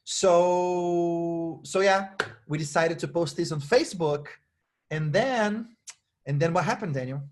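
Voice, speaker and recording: A man's voice: fairly high pitch, slow, noisy background. Man telling a story with many restarts. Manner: animated storyteller acting out dialogue with many restarts. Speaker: podcast co-host. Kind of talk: storytelling in casual podcast talk.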